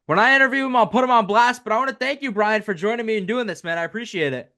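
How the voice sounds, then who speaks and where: A male podcast host with a high, bright voice conducts a casual interview. He speaks quickly and informally, with an appreciative manner toward his guest.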